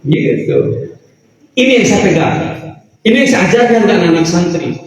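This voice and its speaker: Male preacher with a high voice, sing-song delivery, caught from a distance in a booming hall. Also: normal speed. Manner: animated, sing-song preaching with Arabic quotations. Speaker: Islamic preacher. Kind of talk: sermon. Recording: echoey hall, voice from far off.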